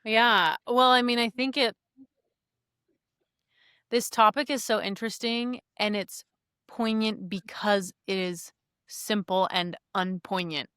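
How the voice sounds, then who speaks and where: A woman's voice: mid-range voice, fairly even intonation, slow pace, pauses often, sharp tone, smooth, dry recording, clean studio sound. A woman co-hosting a podcast, listening supportively and answering thoughtfully in a casual chat. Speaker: podcast co-host.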